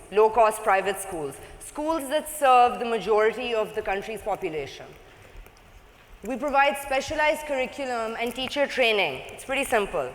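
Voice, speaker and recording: A woman in her thirties with a Pakistani accent gives an informal, conversational, self-deprecating convention speech as a non-profit founder. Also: fairly high pitch. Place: large indoor convention hall, on stage. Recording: echoey hall PA with long reverb.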